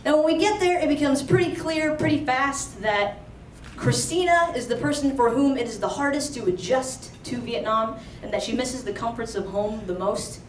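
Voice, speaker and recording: Telling a true story at a live event in a roomy venue, a young woman from Alexandria, Virginia, keeps it chatty and conversational, filled with "like" and "you know." Her high voice holds a moderate pace with few pauses. The distant, off-mic recording has a little hiss or hum.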